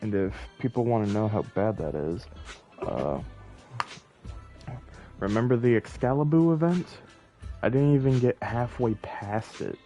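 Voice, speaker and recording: A man with a fairly low, warm voice chats casually on a game livestream, rambling and thinking aloud over the game music. He sounds animated, keeps a measured pace, and pauses often.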